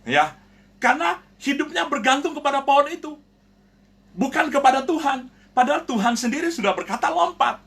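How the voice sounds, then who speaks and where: A man's voice: extremely high pitch, sing-song, brisk, fairly bright tone. A man pastor preaching a sermon to his congregation, earnest and direct, often calling listeners "brothers and sisters" and acting out the voices in his stories. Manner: earnest preaching, addresses listeners as "saudara", acts out quoted voices. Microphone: online prayer broadcast.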